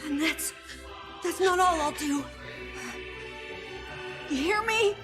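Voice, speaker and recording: A devoted child companion in a video game. The voice is very high, slow and pleading, tender and earnest over strong music. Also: female voice. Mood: pleading, determined. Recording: loud game music underneath.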